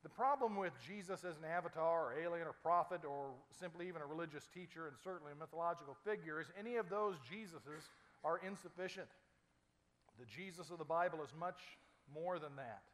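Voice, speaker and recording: A man's voice: a little high, fairly quick, a bit bright, big-room sound. A man preaching an Easter sermon in a church, from Arizona, talking in a conversational, folksy way with light asides. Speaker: pastor.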